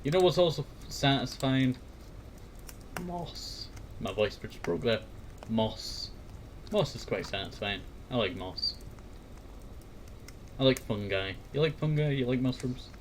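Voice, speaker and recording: A mid-pitched man hosting a fireside talk series rambles through a casual, homemade chat, with lively intonation, an unhurried pace and long pauses. He meanders, repeats words and tag phrases, and occasionally reads aloud. The recording has clear noise.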